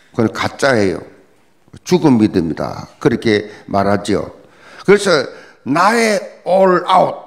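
A middle-aged man delivers a dawn prayer sermon as pastor. His voice sits a little high and swings widely up and down. He hammers single words again and again and throws questions at the listeners. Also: vocal fry. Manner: emphatic, repeats key words, asks the congregation questions. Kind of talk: early-morning prayer sermon.

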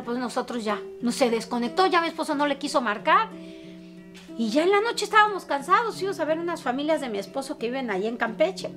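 A middle-aged woman with a Mexican Spanish accent, grieving, telling a painful story with anguish and voicing the words of others. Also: sits high. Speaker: interviewee, bereaved mother. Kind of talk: emotional personal testimony. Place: her family home. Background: soft guitar music.

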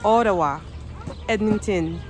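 With music playing in the background, a woman from the Philippines in her thirties chats to a phone at arm's length on a snowy suburban driveway. She has a Filipino accent and a mid-range voice, speaking at a measured pace, explaining chattily with loose grammar in casual vlog style.

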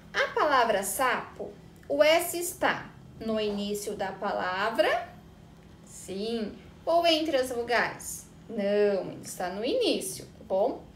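A woman teaching a recorded lesson to young children, slow and patient, pointing things out and checking in often. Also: on the high side. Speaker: preschool teacher. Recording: echoey room with faint noise.

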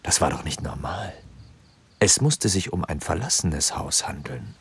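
A man reading a ghostly fairy tale to children in an animated, dramatic storytelling manner. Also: very deep voice, a little slow. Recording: music playing clearly behind.

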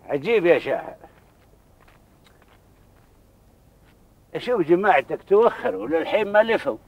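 An actor in his sixties playing a kindly old father in a television drama, with a Bedouin Arabic accent and a paternal, measured manner. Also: sits high, animated, gravelly, dry recording, muffled recording. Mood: gracious, courteous. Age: 60s.

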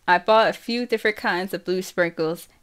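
A woman reading a first-person novel aloud for an audiobook, slow and steady. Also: fairly low pitch, clean tone. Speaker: audiobook reader.

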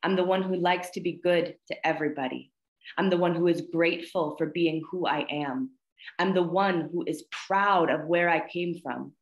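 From a plain room indoors, a woman in her thirties runs a student poetry reading over video call, warmly encouraging and praising the readers. Her lowish voice is fairly even in intonation at a moderate pace, and the echoey audio is poor.

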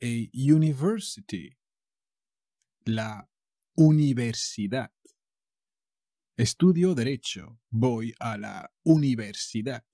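A man with a Castilian Spanish accent teaching a playful bilingual language lesson, saying phrases slowly and joking between them. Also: mid-range voice, gravelly, mellow, no echo, studio quality. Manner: playful, slow model phrases with jokes.

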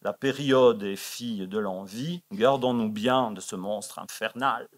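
A man's voice: lowish voice, measured pace. A man presenting a scholarly paper at a conference in a library auditorium. He sprinkles his delivery with fillers like "hein" and "euh" and reads verse quotations with raised emphasis. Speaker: conference speaker. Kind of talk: academic conference talk.

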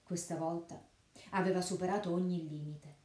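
A woman narrates a fairy tale with expressive, lively storytelling. Her voice sits a little low and sounds mellow and warm. A roomy echo surrounds the reading. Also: moderate pace.

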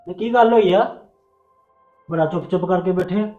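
A man's voice: sits high, moderate pace, narrow, tinny audio, soft background music, lightly acted. A man acting a grown son who keeps asking his sulky mother what is wrong, mildly exasperated. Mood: questioning.

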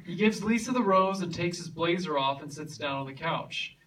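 A man's voice: on the high side, animated, moderate pace, fairly bright tone. A man reading stage directions aloud at a live script reading, amused as he goes, recorded on a phone from far back in a noisy hall. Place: cinema hall with audience.

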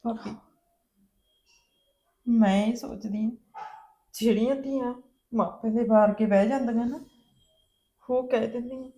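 A woman's voice: a little high, warm tone, close to an everyday voice. A woman playing a hurt, plaintive aunt. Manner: plaintive, reflective complaint. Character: hurt aunt who lives with her brother's family. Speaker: sister-in-law, married daughter of the house. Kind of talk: Punjabi family drama acting.

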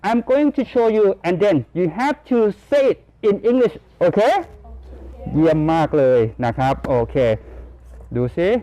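A man's voice: high-pitched, big pitch swings, very slow, warm tone. A man with a Thai accent teaching a bilingual classroom lesson, drawing out words and coaxing students to repeat them. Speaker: teacher running a cooking class. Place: school classroom.

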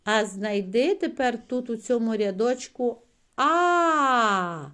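A woman's voice: fairly high pitch, lively intonation, takes it slowly, fairly bright tone, smooth. A woman teacher giving a patient one-on-one reading lesson to a child, coaxing and praising often and stretching out letter sounds.

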